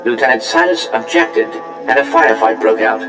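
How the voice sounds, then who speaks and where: A man with a lowish voice, at a moderate pace, performs scripted video game dialogue as an unflappable, servile protocol droid. He speaks formally and courteously in an unruffled mood, his voice run through a robotic filter. The recording is echoey, with game music playing underneath.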